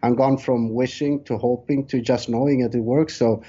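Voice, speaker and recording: A Swedish real estate developer in his thirties, from Sweden and speaking with a Swedish accent, answers interview questions conversationally as a guest. His medium-pitched voice is dark and fairly even, at a normal speed with a breathy edge. The call audio is dull and lo-fi.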